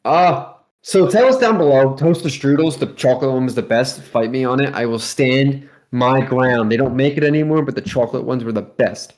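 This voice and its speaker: A man's voice: medium pitch, brisk, hardly any pauses, a little mellow. Slangy, exclamatory man co-hosting a podcast. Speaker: podcast co-host. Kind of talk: casual chat.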